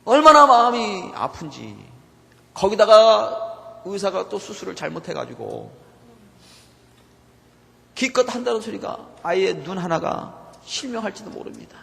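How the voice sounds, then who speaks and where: A man with a very high voice delivers a sermon from the pulpit, pouring intense feeling into a personal story. He sounds middle-aged, and his words ring out with a long reverb through a church sanctuary. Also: sing-song, unhurried, vocal fry, long pauses, pushed and bright. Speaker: pastor.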